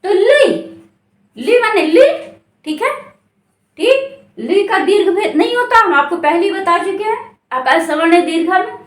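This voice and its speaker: High, lively woman teaching slowly in an echoey room. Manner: repeats questions and answers them herself; slow, drawn-out syllables when stressing sounds. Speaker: Sanskrit grammar teacher. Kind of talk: exam-prep grammar lesson.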